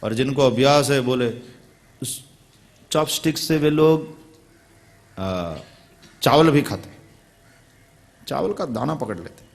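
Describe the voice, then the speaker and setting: Slow, conversational male preacher. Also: medium pitch, lively intonation, vocal fry. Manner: unhurried, conversational, asks listeners questions. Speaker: spiritual preacher. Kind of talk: devotional sermon.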